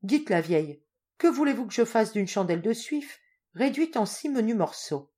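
A woman's voice: fairly high pitch, sing-song, moderate pace, warm tone, slightly rough. A woman reading an audiobook, voicing a teasing male salesman who plays a prank with exaggerated, mock-polite courtesy.

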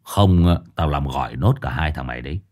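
A man's voice: lively intonation, normal speed, a little mellow. A man voicing a cold, threatening young male street fighter in a storybook tale. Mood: menacing. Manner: low menacing mutter.

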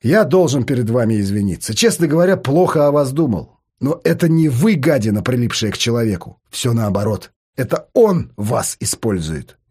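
A man voicing a brash, confident male psychologist who talks in a commanding, provocative way, with a husky voice. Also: medium pitch, sing-song, moderate pace, few pauses, warm tone, voice pushed down. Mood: accusing.

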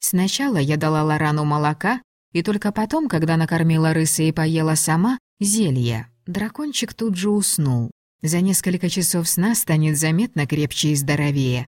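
Woman reading an audiobook, wry and expressive, lowish voice, dry close sound. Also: moderate pace, no echo. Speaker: narrator. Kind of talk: first-person audiobook narration.

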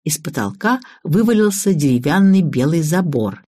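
A woman narrating an audiobook in the first person, with lively storytelling. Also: sits low, normal speed, breathy edge, no echo.

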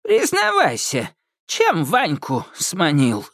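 A man doing a shrill, creaky old witch. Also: huge pitch swings, a bit bright, no room sound, clean studio sound, heavily acted. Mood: weary, surprised. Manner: cranky, complaining, quick to bristle. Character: grumpy ancient female witch, creaky, bony-legged. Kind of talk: audiobook character voice.

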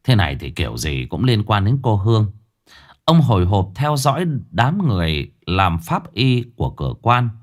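A man's voice: fairly low pitch, big pitch swings, moderate pace. A man narrating a ghost story in a theatrical, swinging way. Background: faint music.

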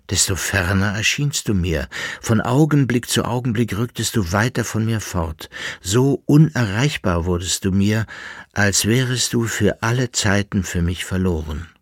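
A weary, lovesick emperor speaking with grave, earnest tenderness, read by a man with a deep, husky voice. He speaks slowly and deliberately, and the recording is dry and close, as in a storybook reading. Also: dry recording, full character voice. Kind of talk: audiobook reading.

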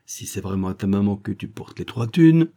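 A man voicing a cheeky young male actor-sleuth who talks in lively street slang. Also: fairly low pitch, moderate pace, vocal fry. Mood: scheming.

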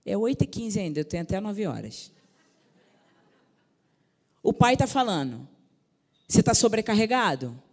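A woman's voice: medium pitch, big pitch swings, moderate pace, long pauses, husky. Fervent woman pastor in a reverberant church. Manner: fervent, calls out to the congregation. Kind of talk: sermon. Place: large church sanctuary.

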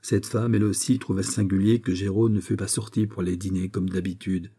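A man reading a nineteenth-century short story aloud in a measured, steady narrating manner. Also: low-pitched, husky. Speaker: audiobook reader. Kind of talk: literary audiobook narration.

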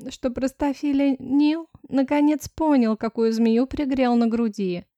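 A woman's voice: high voice, unhurried, no echo, lo-fi sound, pitched above the performer's own voice. A woman reader voicing a haughty middle-aged stepmother who talks down in a lecturing tone in an audiobook. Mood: condescending. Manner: condescending, lecturing.

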